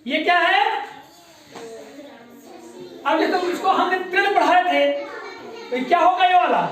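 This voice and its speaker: Woman teacher, high voice, drills children by repetition, distant echoey classroom sound. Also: measured pace, a bit bright. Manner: patient, repeats words and quizzes children. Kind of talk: classroom lesson.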